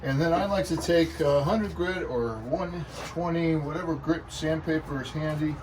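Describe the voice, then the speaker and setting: Out in a home garden, an American man records a relaxed, straightforward vlog, explaining things informally along the way. His voice is a little high and moves at normal speed, while traffic noise and outdoor sounds fill the background.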